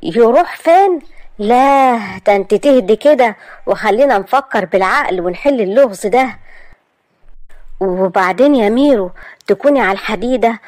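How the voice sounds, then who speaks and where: A woman's voice: mid-range voice, fairly quick, long pauses, a little mellow, no echo, voice pushed up, lightly acted. A woman with an Egyptian accent voicing a young boyfriend who talks urgently and persuasively.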